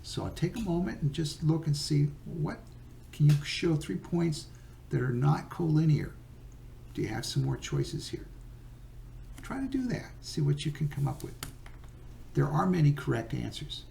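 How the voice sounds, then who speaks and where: A man teaching a recorded geometry lesson, patient and unhurried, with many fillers and okays. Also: fairly high pitch, sing-song, vocal fry, mellow, a little hiss or hum.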